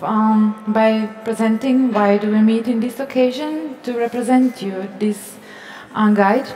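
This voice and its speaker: A young woman speaks as an oncology nurse on a panel. She is brisk and composed. Her headset mic picks up a roomy, echoing hall. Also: a little high, a little mellow. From Croatia. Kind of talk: panel discussion.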